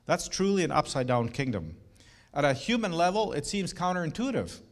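A middle-aged man preaching a sermon, earnest and emphatic, with rhetorical questions and warm personal asides to the congregation. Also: a little high, big pitch swings, fairly quick. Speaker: pastor.

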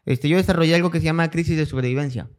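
A man's voice: fairly high pitch, rapid-fire. A young adult man with a Mexican Spanish accent, a guest speaking in a casual interview who tells his story and acts out the voices of people in it. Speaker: guest, cancer survivor.

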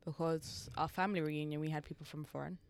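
A woman's voice: low-pitched, steady tone, fast. A young woman with an English accent, co-hosting a casual chat podcast and telling stories with quoted asides. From England. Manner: chatty storyteller, slips into quoted voices. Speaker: podcast co-host.

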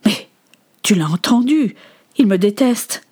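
A woman's voice: medium pitch, lively intonation, darkish tone, voice pushed up. A woman reading a remorseful ex-convict father. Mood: pleading. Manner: halting, apologetic. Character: ashamed middle-aged father, former convict.

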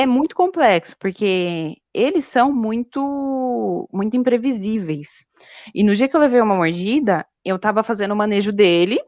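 A young woman, a zookeeper, chatting casually and telling stories in an animated way. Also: medium pitch, no room sound. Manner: animated storytelling. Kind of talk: casual chat.

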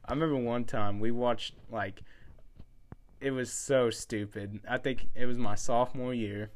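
A man's voice: medium pitch, measured pace. Laughing young man telling stories. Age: young adult. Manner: animated storytelling, laughing, swearing. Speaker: podcast host. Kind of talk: casual chat.

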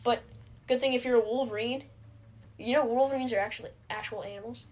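Teen girl, really high voice, talks in a rush and stammers, giggly casual chat. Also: steady tone, fast, darkish tone. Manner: rambling, stammering, laughs often.

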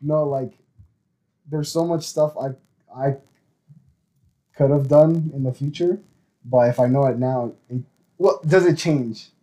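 A man's voice: medium pitch, a little slow, long pauses, warm tone, poor audio. A young man co-hosting a casual podcast chat, teasing the others and laughing often. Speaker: podcast co-host.

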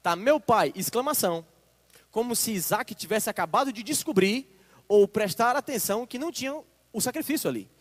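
High, animated Brazilian preacher in a hall. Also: male voice. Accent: Brazilian Portuguese. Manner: reads scripture slowly with emphasis, asks the congregation "Amém?". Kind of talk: sermon with scripture reading. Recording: long hall reverb.

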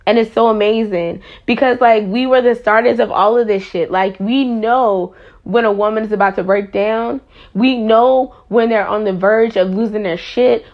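Young woman, candid vlog monologue, impassioned and blunt, curses freely; slightly muffled lo-fi audio. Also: on the high side.

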